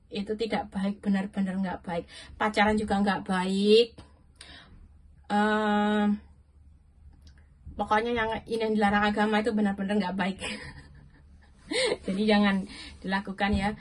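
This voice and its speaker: A young woman from Indonesia recounts a frightening personal ordeal in a halting, emotional voice. She pitches a little high for a woman and often restarts her sentences as she acts out quoted dialogue. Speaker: guest telling her story. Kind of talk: casual personal storytelling.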